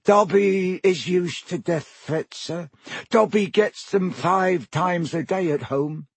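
A squeaky, servile male house elf, all nerves and pleading, in a storybook reading. The voice is high and husky, recorded close and dry. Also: slow, dry recording, full character voice. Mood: anxious. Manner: servile, high-pitched pleading, many "sir"s. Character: timid anxious male house elf servant.

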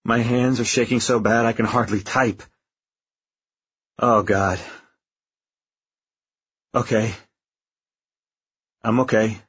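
A terrified young male officer stranded aboard a wrecked spaceship. His voice is husky and slow, faltering with shock and despair. It is a dramatized audiobook performance with a slightly dull, muffled sound. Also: mid-range voice, steady tone, fairly bright tone, exaggerated voice. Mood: panicked. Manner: halting, shaky, despairing.

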